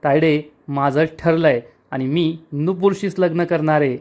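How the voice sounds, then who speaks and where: A man's voice: a little high, unhurried, darkish tone, natural voice. Malhar, read by a man, rich determined young lover.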